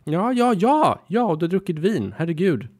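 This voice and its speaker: A man's voice: high voice, sing-song, darkish tone. A man co-hosting a podcast, chatting casually, teasing and giggly, candid about awkward topics. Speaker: podcast co-host. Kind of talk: casual chat.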